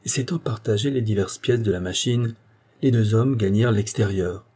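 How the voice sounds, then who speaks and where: A male narrator reads a novel aloud in a steady, expressive way. His voice sits low and sounds mellow and dark, with a husky grain. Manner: measured, expressive storytelling. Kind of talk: scripted audiobook narration.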